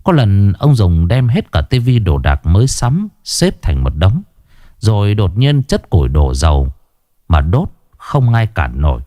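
A man narrating a ghost story in the first person, dramatic and expressive, dwelling on grim details. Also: lowish voice, a little slow, no room sound, studio quality.

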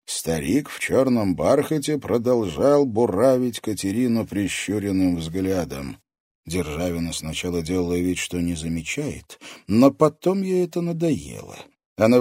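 Low, expressive male audiobook narrator. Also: normal speed, no echo, studio quality. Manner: expressive storytelling. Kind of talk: scripted narration.

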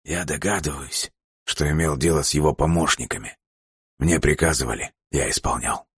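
A male audiobook narrator voicing a broken prisoner who speaks in a quiet, bitter way. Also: very deep voice, moderate pace, slightly rough, no echo, studio quality, full character voice. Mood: subdued.

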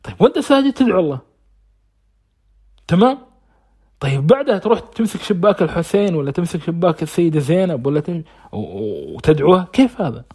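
Man, religious teacher, fairly high voice, husky, asks and answers his own questions. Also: very animated, fast talker, pauses often, dark tone. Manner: fires rhetorical questions and answers them himself; recites scripture between conversational explanation. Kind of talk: informal religious lesson on Quran verses.

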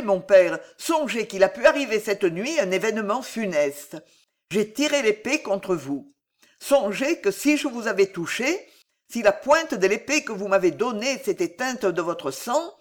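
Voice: medium pitch, big pitch swings, unhurried. A reader voicing an earnest young knight pleading with his father, fervent and grieving. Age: young adult. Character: young male knight, earnest and tormented son. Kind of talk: audiobook reading.

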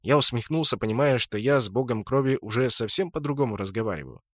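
A man reading a first-person fantasy novel in a steady storytelling manner. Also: medium pitch, fast, no room sound, studio quality. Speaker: audiobook narrator. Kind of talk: first-person fiction narration.

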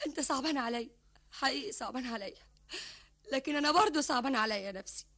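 A woman's voice: high-pitched, fast. An actress with an Egyptian accent playing Kawthar, a weary wife who wants out of her marriage, in a radio drama. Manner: weary, wistful, quietly insistent.

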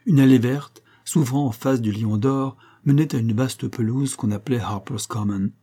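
A man narrating a classic novel as an audiobook, in a measured, dramatic reading. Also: mid-range voice, warm tone, breathy edge.

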